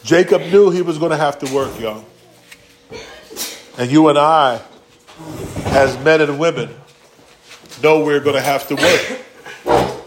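A pastor delivers a casual, slangy sermon in a church, acting out quotes and addressing the congregation directly. His voice is fairly high and slow, with frequent pauses and slight background noise.

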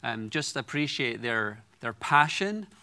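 Speaking a little slowly with lively intonation, a Scottish guest preacher in his forties addresses a congregation. His medium-pitched voice has a sharp edge, and the sermon is earnest and personal with gentle humor.

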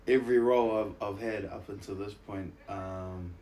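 A man with a fairly low voice and a broad New Zealand accent tells stories in casual interview chat. He is relaxed in manner, slangy and self-deprecating. Some ambient noise sits behind him. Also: moderate pace. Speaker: interview guest, actor and musician.

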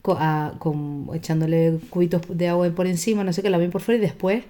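A woman's voice: fairly low pitch, fairly quick. A woman co-hosting a casual podcast, telling stories and acting out voices. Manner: animated storytelling, acts out voices. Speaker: podcast co-host. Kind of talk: casual chat.

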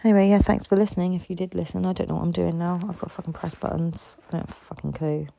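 A woman's voice: on the low side, flat delivery, fast, gravelly, dark tone, no echo. A tired woman in a candid solo podcast monologue, rambling and swearing a lot, frustrated and raw.

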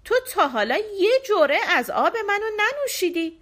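A woman's voice: extremely high pitch, very animated, a bit bright, voice pushed up, heavily acted. A woman voicing a proud talking river that firmly refuses a demon in a storybook. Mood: defiant. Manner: firm, scolding.

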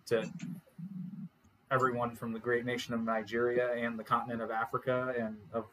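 A man co-hosting a podcast, chatting casually about wrestling in a joking, animated way. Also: medium pitch, moderate pace, slight background noise, low-quality recording. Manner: joking, animated, laughs often. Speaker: podcast co-host.

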